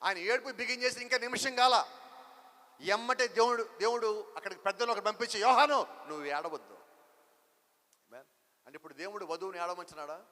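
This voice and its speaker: A man's voice: high-pitched, quick pace, pushed and bright. A man preaching a sermon, emphatic, driving his points home with repeated rhetorical questions. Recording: long hall reverb.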